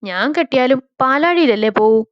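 A woman's voice: sits high, expressive, moderate pace, no echo, voice pushed up. A woman voicing a young man who teases his younger sister fondly, on a slightly dull, dry recording. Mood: teasing. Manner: affectionate and teasing. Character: young man, fond, teasing elder brother.

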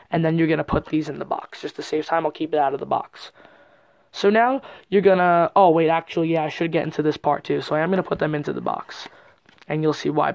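A presenter giving an informal, explanatory step-by-step card trick tutorial in a casual way. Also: mid-range voice. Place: indoors at a card table.

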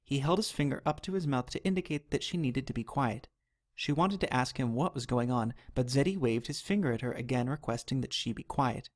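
A man narrating an animated chapter of a children's novel in a steady, even reading. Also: mid-range voice, brisk. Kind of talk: storybook narration.

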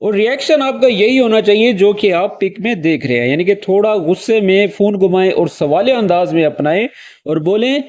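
High-voiced man teaching spoken Arabic. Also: animated, darkish tone. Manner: explains each phrase slowly, then repeats it with acted feeling. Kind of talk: friendly spoken-language lesson with acted phrases.

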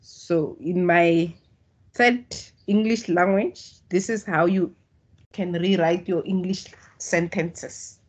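With a lowish, breathy voice and fairly even intonation, a South African woman whose first language is Tswana guides viewers through statistics in an online tutorial. She speaks slowly and patiently, restarting at times, and the audio comes through a video call.

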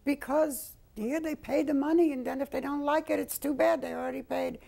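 A tiny, pushy old mother bursting with excitement, as a woman puts her on. She pitches up high and sounds gravelly. The tone stays dark. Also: a little fast. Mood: excited. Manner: quoted in a high eager voice.

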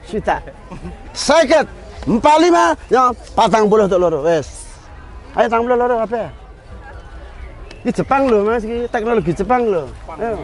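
Javanese guy hawking lamps at an outdoor market, high voice, loud jokey haggling patter. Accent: Central Javanese. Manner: loud, joking, rapid counting and haggling. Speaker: street vendor selling lamps. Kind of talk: market sales patter, auctioning down prices.

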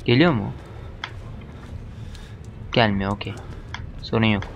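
A man with a Turkish accent commenting on a horror game as he plays, muttering to himself and breaking into panicked shouts when chased. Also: fairly low pitch, slow pace, creaky, highs cut off, a little hiss or hum. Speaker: gamer.

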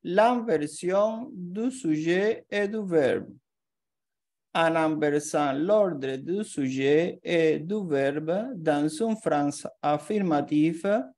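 A woman's voice: on the low side, a little mellow. A woman giving a scripted grammar lesson as a language teacher, carefully reading out example sentences one by one.

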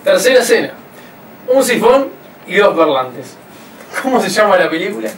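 A man's voice: high-pitched, big pitch swings, moderate pace, echoey room, far from the mic, a little hiss or hum, rough recording. A man with a Uruguayan accent hosting a comedy show, pushy and prodding, playing the presenter. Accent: Uruguayan Spanish. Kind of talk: comic hosting banter.

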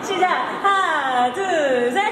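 A young woman, a singer chatting and reading aloud on stage in a bubbly, halting way. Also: sits high, lively intonation. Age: young adult. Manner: bubbly, halting, self-correcting. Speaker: singer hosting her own concert. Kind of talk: casual stage talk and reading aloud to fans. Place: on stage in a large indoor concert venue. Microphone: handheld stage microphone. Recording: echoey concert hall, crowd noise behind.

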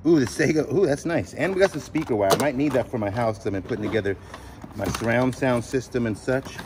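A medium-pitched man in his forties talks at a quick pace, giving informal, slangy commentary as a storage auction vlogger sorting his finds. He's outside at a storage unit lot, partly in a vehicle, on noisy audio full of vehicle sounds.

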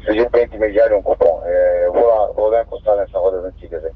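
A man's voice: fairly low pitch, fairly even intonation, fast, dry recording. A man with a Brazilian accent, a field officer reporting to dispatch over police radio. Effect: two-way radio transmission. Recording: tinny noisy police radio from vehicle.

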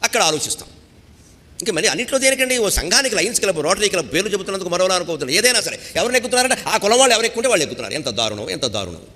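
A man's voice: sits high, big pitch swings, rapid-fire, sharp tone, long reverb tail. A man giving a devotional discourse, asking rhetorical questions and quoting Sanskrit verses. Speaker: spiritual speaker.

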